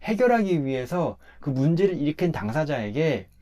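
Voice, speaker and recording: A man, a pastor, talking through a Bible passage in a relaxed conversational way, emphatic as he explains step by step. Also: a little high, moderate pace.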